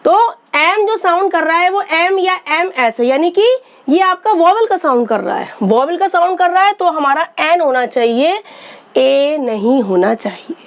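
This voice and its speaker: A woman's voice: very high voice, lively intonation, a little slow. A woman teaching English grammar in a patient lesson, asking and answering her own questions and repeating points. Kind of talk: explanatory lesson.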